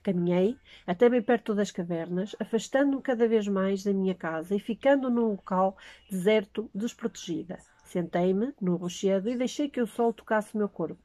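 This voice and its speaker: A woman reading a first-person story aloud, at a steady pace with small slips and restarts. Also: mid-range voice, normal speed, no echo.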